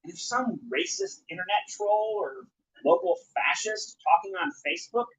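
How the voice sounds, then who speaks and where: A poet performs spoken-word poetry live, his high, slightly bright voice delivering the lines in an emphatic, rhythmic, declamatory style. The live recording sounds dull and lo-fi.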